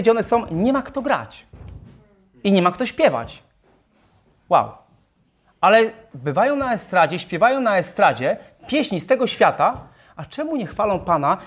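A man's voice: high voice, husky. A man preaching a sermon, firing rhetorical questions at his congregation. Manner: self-described talker.

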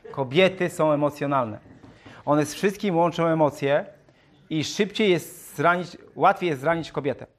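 A man preaching a sermon in a lively way, reading scripture aloud in a raised voice and joking with rhetorical questions. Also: fairly high pitch, unhurried. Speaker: pastor.

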